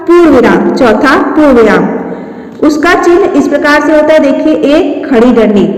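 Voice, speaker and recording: High-voiced woman teaching in an echoey room. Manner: slow, explanatory, repeats key terms. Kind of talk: classroom grammar lesson. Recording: echoey room with long reverb.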